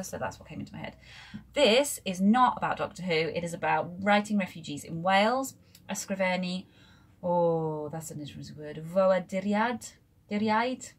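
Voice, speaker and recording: A woman's voice: fairly low pitch, fairly bright tone. A young woman in casual book haul chat at home, rambling into asides and filling gaps with ums. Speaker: book vlogger. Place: room full of books at home.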